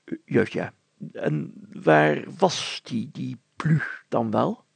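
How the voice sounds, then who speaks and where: Man doing a slow, doubting village mayor. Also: medium pitch, sing-song, creaky, husky, no echo, heavily acted. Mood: incredulous. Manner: slow, questioning, incredulous.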